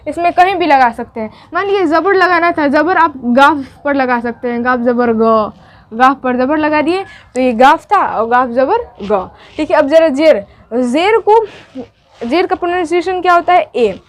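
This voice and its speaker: A woman's voice: sits high, expressive, normal speed. A woman teaching the Urdu alphabet, drilling each sound, mixing English words into her Hindi and asking questions she answers herself. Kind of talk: letter-by-letter lesson with call-and-response.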